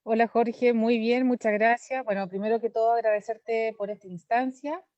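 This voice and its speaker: In a muffled, echo-free recording, a Chilean woman in her 30s who is a lawyer and candidate gives extended, earnest answers during a video-call interview. She speaks fluently at a moderate pace, her slightly high voice steady and darkish in tone.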